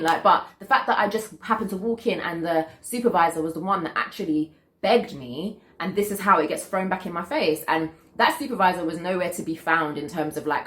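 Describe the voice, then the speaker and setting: Casting: young British woman, low voice, casual storytime vlogger, emphatic and indignant, recorded in a roomy echo. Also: fairly bright tone. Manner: emphatic, indignant, repeats points for stress. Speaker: vlogger telling a personal story.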